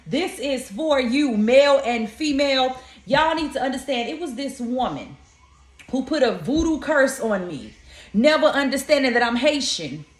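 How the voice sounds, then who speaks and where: Indignant high-voiced woman in echoey room. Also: expressive, normal speed. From Florida. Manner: indignant, scolding, addresses viewers as y'all and honey. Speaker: oracle card reader. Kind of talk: spiritual video monologue.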